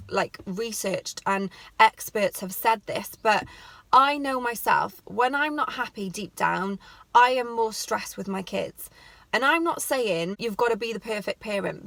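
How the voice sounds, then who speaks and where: A woman talks straight to camera, offering earnest, chatty parenting advice and often saying "like" and "you know". Her voice sits at a middling pitch. The recording is close and dry, with almost no room sound. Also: creaky, a bit bright, dry recording, low-quality recording. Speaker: parenting vlogger. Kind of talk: advice vlog, talking to camera.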